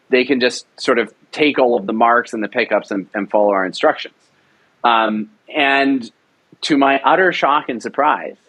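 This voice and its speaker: A young adult man who writes and directs talks about his audio drama production in a casual interview. He is enthusiastic and rambling, with plenty of fillers. His voice is mid-range and a bit bright.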